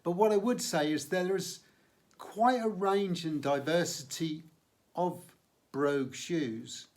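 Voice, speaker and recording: A man from the United Kingdom hosting his menswear channel, explaining things in a measured way with frequent fillers in an unscripted show-and-tell vlog. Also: a little high.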